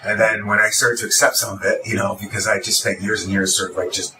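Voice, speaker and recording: A man's voice: fairly low pitch, little pitch movement, bright, forceful tone, recorded from a distance, slight background noise, rough recording. A man with a Glasgow Scottish accent, a guest author talking in a rambling, casual conversation. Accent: Glaswegian Scottish. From Scotland. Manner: fast, rambling, repeats his words.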